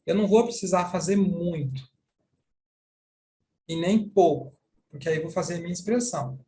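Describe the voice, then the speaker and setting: A man with a Brazilian Portuguese accent teaching a sign language class, explaining deliberately with repeated examples. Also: high voice, warm tone, slight background noise.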